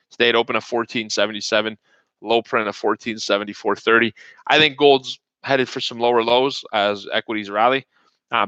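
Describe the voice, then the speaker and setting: Bright, joking trading show host, man. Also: medium pitch, no echo, highs cut off. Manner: joking, chatty, talks to viewers by name. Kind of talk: live market commentary, casual.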